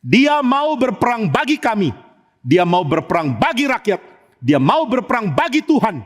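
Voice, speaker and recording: A man's voice: sits high, very animated, normal speed, voice pushed up. A man voicing a stoic, loyal spear soldier who answers in short, plain replies. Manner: terse matter-of-fact answers. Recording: echoey church hall.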